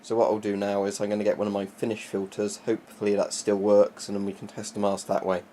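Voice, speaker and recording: A man's voice: on the low side, monotone, fast, warm tone. A man giving a casual, unscripted hands-on demonstration as a presenter. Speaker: presenter showing military gas masks. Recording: faint background noise, amateur recording.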